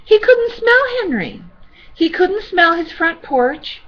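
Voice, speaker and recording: A sweet, gentle older woman, a grandmother reading a children's storybook aloud with reassuring, chatty asides to a child. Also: very high-pitched, very animated, slow, lo-fi sound, slight background noise.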